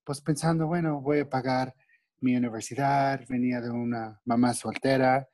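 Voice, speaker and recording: Man, Texan, Spanish with English words, mellow tone, dry recording, chatty guest. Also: medium pitch, steady tone, moderate pace, dry recording. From Texas, United States. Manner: friendly, mixes English words, asks 'no?' often. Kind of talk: casual interview talk.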